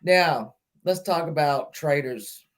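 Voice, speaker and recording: Low-pitched and slow, this livestream host leads a casual group chat with gushing affection and pet names, though she's also blunt and swears a little.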